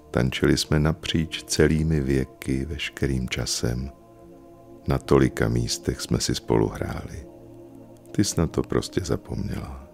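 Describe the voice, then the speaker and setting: A man voicing a kind, wise female soul who explains things calmly and gently in a storybook reading. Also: very deep voice, creaky. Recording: faint music behind.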